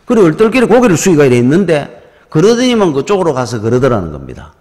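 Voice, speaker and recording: The reverberant church hall carries the quick, fairly high-pitched voice of a middle-aged pastor from the Gyeongsang region. He tells stories in a lively sermon that feels like a conversation.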